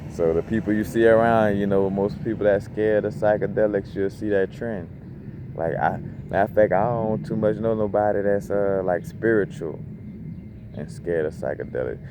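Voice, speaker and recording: Deep-voiced man, loose slangy spiritual talk. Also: normal speed. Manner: loose, rambling, slangy, lots of "you know what I'm saying". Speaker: crystal channel host. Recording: noisy background hum.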